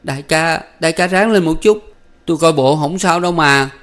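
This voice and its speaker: A man's voice: a little high, brisk, fairly bright tone, voice pushed up, natural voice. A man voicing a tense young gunman, speaking in a strained, raised voice. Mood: desperate.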